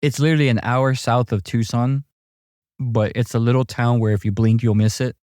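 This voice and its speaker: A middle-aged man chatting casually as a guest, telling stories in a relaxed way with lots of fillers and restarts. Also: mid-range voice, a little fast, dry recording, studio quality. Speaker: amateur golfer guest. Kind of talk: casual chat.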